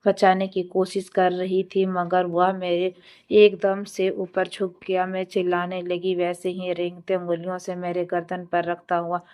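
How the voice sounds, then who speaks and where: A woman narrating a dramatic story in the first person, with a steady, even reading. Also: on the low side, unhurried, clear, resonant tone.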